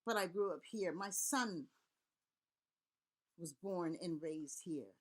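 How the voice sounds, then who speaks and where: Slow-paced and lowish in pitch, a middle-aged woman from Haiti, a Vodou priest and elder, speaks to camera. Her address is impassioned, earnest and rallying, with repeated words and long lists.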